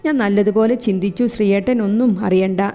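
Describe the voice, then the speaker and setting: A woman's voice: medium pitch, quick pace, warm tone, lightly acted. A woman voicing a headstrong young college woman who talks in an earnest, pleading way. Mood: determined. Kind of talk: audiobook character voice. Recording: echoey room with faint music.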